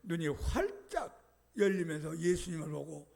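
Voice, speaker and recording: A man, a pastor, preaching a sermon with emphatic swings between soft and loud delivery. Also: a little high, expressive, measured pace, creaky. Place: church sanctuary.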